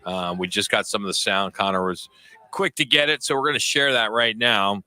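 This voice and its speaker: A man co-hosting sports talk radio in a studio, calmly setting up clips with a wry tone. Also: on the low side, normal speed. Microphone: studio microphone.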